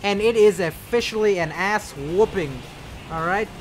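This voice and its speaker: Rowdy young man commentating, high voice. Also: measured pace, faint music behind. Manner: rowdy, crude, sarcastic. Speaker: game commentator. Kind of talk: joking play-by-play commentary.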